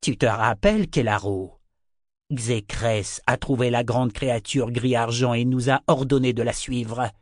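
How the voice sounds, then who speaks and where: A man voicing a wounded, uneasy male serpent with a hoarse, whispery voice in a storybook reading. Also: mid-range voice, a little slow, dry recording, studio quality, close to an everyday voice.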